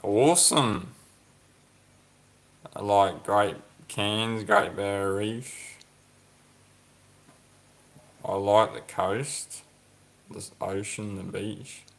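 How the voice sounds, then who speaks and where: A creaky, fairly low, somewhat bright male voice belongs to an Australian livestream host who reads viewers' comments aloud. He goes slowly, musing over them in a casual way.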